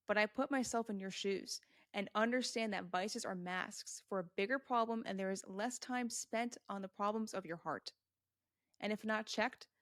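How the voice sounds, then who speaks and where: A woman's voice: mid-range voice, dry recording, studio quality. A woman hosting a solo motivational podcast. She talks earnestly and emphatically, repeats key points and speaks straight to the listener. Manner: addresses the listener directly and answers imagined questions. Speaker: podcast host.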